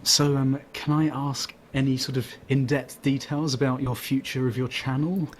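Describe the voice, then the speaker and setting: A man's voice: mid-range voice, flat delivery, moderate pace, slight background noise. A young man guesting on a game stream, chatting casually, laughing often and joking sarcastically about himself. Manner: laughs often, self-deprecating, playfully sarcastic. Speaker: guest YouTuber. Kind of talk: casual gaming chat.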